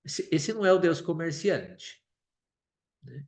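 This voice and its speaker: A man's voice: a little high, very animated, slow pace, darkish tone. A man with a Brazilian Portuguese accent, a priest giving a sermon, who acts out prayers and quotes in changing voices.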